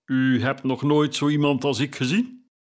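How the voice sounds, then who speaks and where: A jovial young Christmas spirit, voiced by a man reading the tale, speaks cheerfully and openly. The voice stays close to the reader's own, a little brighter and fuller. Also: medium pitch, a little slow, natural voice. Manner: cheerful, open.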